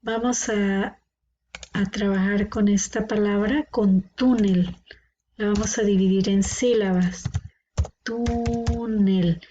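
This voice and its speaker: A woman's voice: medium pitch, a little mellow. A woman teaching a grammar lesson, patiently sounding out words syllable by syllable. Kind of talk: classroom grammar explanation. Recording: dull lo-fi recording with faint noise.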